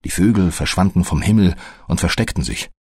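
A man narrating a story in a slow, measured way. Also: low-pitched, darkish tone, slightly rough, dry recording, clean studio sound. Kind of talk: scripted audiobook narration.

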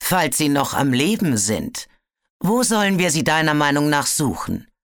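A storybook narrator voicing a calm sea dragon who speaks dryly and evenly. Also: medium pitch, no echo. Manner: dry, measured. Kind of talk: audiobook character voice.

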